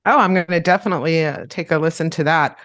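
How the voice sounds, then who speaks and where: A woman hosting a radio interview, bubbly and encouraging, filling in with quick affirmations. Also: low voice, fairly bright tone, no echo, studio quality. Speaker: radio host.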